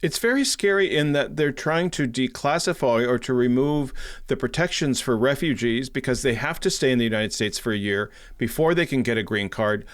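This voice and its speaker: A man's voice: mid-range voice, expressive, normal speed. A man hosting an interview, asking long, conversational framing questions. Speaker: host.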